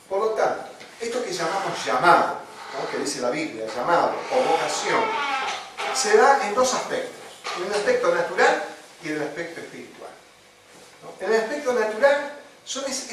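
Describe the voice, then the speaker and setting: With a voice that sits high and sounds a bit bright, a man with a Rioplatense Spanish accent teaches chaplaincy as a pastor. His sermon feels conversational, peppered with fillers and "¿no?" at the ends of sentences, and the recording is distant, echoey, and faintly noisy.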